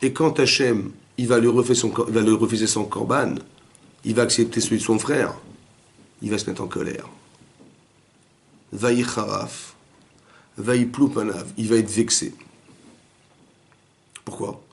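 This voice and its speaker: A man, a rabbi, giving a Torah class in a family home, animated and asking his listeners rhetorical questions. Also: lowish voice, measured pace, gravelly, pauses often.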